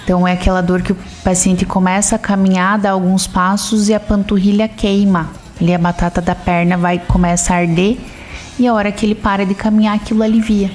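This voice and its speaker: A woman's voice: mid-range voice, little pitch movement, fairly quick, a little mellow, soft background music. A woman vascular doctor answering interview questions, explaining symptoms step by step.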